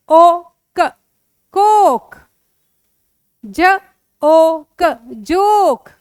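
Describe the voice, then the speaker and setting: A woman with a very high voice and an Indian accent teaches phonics to young children, sounding out words letter by letter and calling them "beta." The recording is studio quality with no echo.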